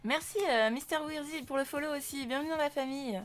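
Chatty streamer woman, slightly high voice. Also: fast, faint music behind. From France. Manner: chatty, lots of fillers, greets viewers. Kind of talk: casual live-stream chat. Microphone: desk microphone.

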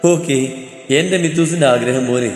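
A man voicing a gruff guy coaxing a child. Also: a little high, a little fast, close to an everyday voice. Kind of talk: storybook character dialogue. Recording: echoey roomy hall, faint music.

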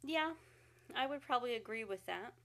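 A woman's voice: on the high side, animated, moderate pace, a bit bright. A woman hosting a casual live-stream chat, chatty and rambling with fillers, a bit congested and sniffly. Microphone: phone.

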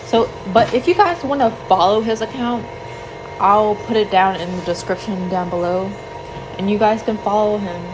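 A woman's voice: mid-range voice, moderate pace. A young woman vlogging casually while she cooks at home, rambling with lots of "like" and "um". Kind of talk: casual chat while cooking. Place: home kitchen. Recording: noisy home recording.

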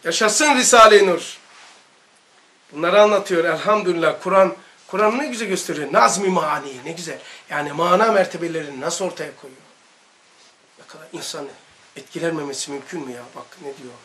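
A man teaching an informal religious lesson, animated, asking his listeners rhetorical questions and barking mock military commands as examples. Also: fairly high pitch, fairly quick. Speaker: religious study-circle teacher.

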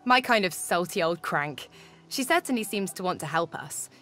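A woman's voice: fairly low pitch, expressive, moderate pace, bright, forceful tone, soft background music. A woman playing a wry, easygoing musician companion in a video game, talking in a casual, reflective way. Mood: warm, nostalgic. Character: wry, easygoing female musician haunted by inner spirits.

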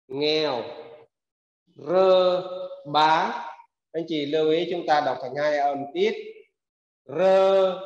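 A male language teacher drilling pronunciation, pronouncing each word very slowly and twice over, with a somewhat high voice. He explains each rule patiently. The sound is dull and lo-fi, in an echoey hall with a long reverb.

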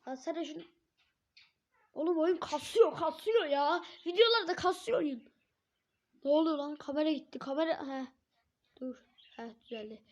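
A hoarse woman giving live gameplay commentary, swearing and yelling at the referee in frustration. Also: high-pitched, moderate pace, long pauses. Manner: shouts at the referee, curses and rants in frustration. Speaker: gamer. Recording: dull lo-fi recording.

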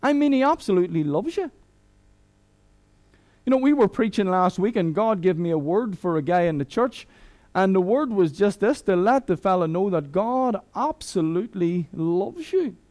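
A man's voice: sits high, lively intonation, normal speed, a little mellow. A middle-aged Irish man preaching a sermon as a guest preacher, conversational and humorous, often restarting his sentences.

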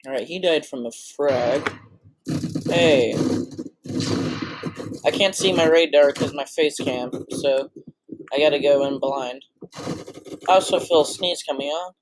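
A teenage boy with a voice that is breaking, casually commentating his own gameplay with excitable, blurting reactions. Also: fairly high pitch, a little slow, pauses often. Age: teens. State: voice cracking. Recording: noisy, with mouse clicks.

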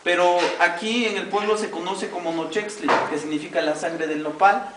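A man's voice: high voice, steady tone, normal speed. Mexican guide switching Spanish and English. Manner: explains each step in Spanish then repeats it in English. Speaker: weaving cooperative guide. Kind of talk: bilingual demonstration for tourists. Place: weaving workshop with visitors. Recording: distant, roomy camera audio with background noise.

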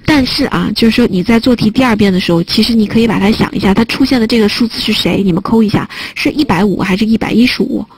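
A woman's voice: mid-range voice, fast, hardly any pauses, a little hiss or hum, poor audio. A woman teaching a test prep listening class online, chatting and joking as she types notes on a whiteboard. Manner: chatty, joking aside while typing on a whiteboard.

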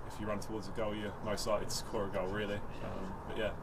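A young English footballer talks after a match, outdoors at a ground at night. His voice sits low and flat, stumbling over ums and restarts. Traffic and outdoor noise come through clearly behind him. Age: young adult. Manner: halting, many ums and repeated words. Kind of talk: post-match interview.

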